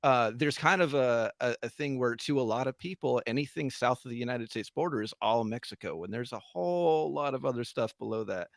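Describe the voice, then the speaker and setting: Man from Southern California, guest on a podcast, relaxed and easygoing, dry close sound. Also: mid-range voice, fairly quick, creaky, few pauses, no echo. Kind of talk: casual podcast chat.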